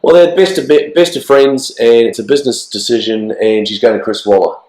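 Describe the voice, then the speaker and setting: A hoarse Australian man with a croaky, frog-like voice from the flu, co-hosting a racing show in casual, blokey, halting chat, often repeating himself. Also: medium pitch, a little mellow. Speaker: co-host of horse racing show. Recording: echoey, roomy sound.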